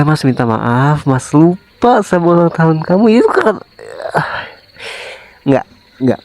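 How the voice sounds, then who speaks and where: A man voicing a remorseful young husband softly pleading with his wife, in a whispered role-play that sprinkles in English phrases. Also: a little high, dry recording, poor audio. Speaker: ASMR voice actor.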